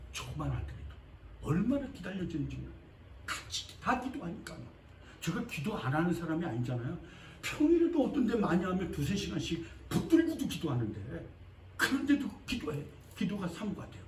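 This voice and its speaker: Man preaching, high lively voice, emphatic and repetitive, echoey church heard from a distance. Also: slight background noise. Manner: emphatic, repetitive, swings from loud to quiet. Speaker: pastor. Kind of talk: sermon. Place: church sanctuary.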